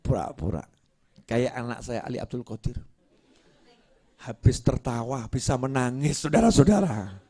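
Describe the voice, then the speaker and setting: A male preacher delivers a lively, jokey sermon. His voice sits at an ordinary middle pitch and swings from hushed asides to loud, excited bursts. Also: normal speed, long pauses, slightly rough.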